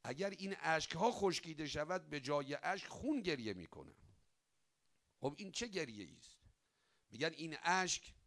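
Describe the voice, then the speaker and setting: A man delivering a religious sermon, voice rising loud and sinking soft, drawing out chanted prayers. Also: fairly high pitch, big pitch swings, creaky. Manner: dramatic rise and fall, swelling loud then dropping soft; chants quoted prayers with drawn-out emphasis. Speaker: cleric.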